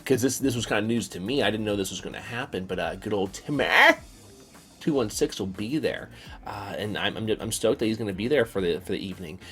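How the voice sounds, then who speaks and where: A man's voice: fairly low pitch, a little fast, faint music behind. A young man talking casually in a vlog, rambling and repeating words with many fillers. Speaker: vlogger.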